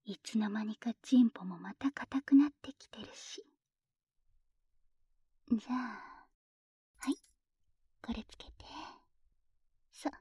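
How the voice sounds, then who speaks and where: A woman voicing a playful, teasing young lover in an intimate audio drama, whispering softly close to the microphone. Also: fairly high pitch, slow, pauses often, husky, no room sound, full character voice. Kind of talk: intimate whispered ASMR roleplay.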